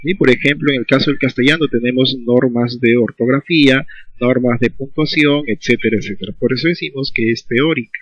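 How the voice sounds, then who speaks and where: A man's voice: medium pitch, fairly even intonation, fairly quick, breathy edge, no room sound, low-quality recording. A man teaching a school language lesson, explaining patiently and often checking in with his students.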